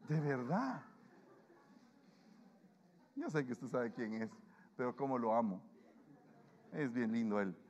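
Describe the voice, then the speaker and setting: A male pastor preaching to his congregation and leading communion, lively and acting out the voices of people he quotes. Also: medium pitch, slow, pauses often, big-room sound, dull audio. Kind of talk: sermon and communion prayer. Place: church.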